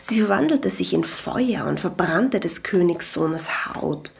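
Woman reading a fairy tale audiobook, lowish gravelly voice, calm, goes whispery sometimes. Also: unhurried, slight background noise. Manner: calm storytelling with soft breathy whispered passages. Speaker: narrator. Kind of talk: scripted audiobook narration.

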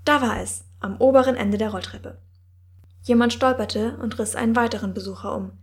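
A woman narrating a first-person fantasy audiobook in a wry, measured manner. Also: fairly high pitch.

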